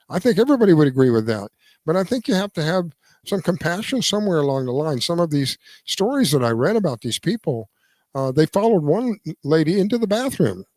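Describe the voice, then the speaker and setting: A man in his seventies giving his opinion in casual radio talk, earnest and halting, restarting his sentences as he goes. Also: sits high, no room sound. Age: 70s. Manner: lively, swings between emphatic and quiet. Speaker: radio show host.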